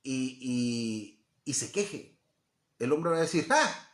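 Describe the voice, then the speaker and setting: A man's voice: medium pitch, takes it slowly. A man teaching from the Bible in a conversational way, often checking in with listeners and acting out quoted voices. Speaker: preacher. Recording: echoey room.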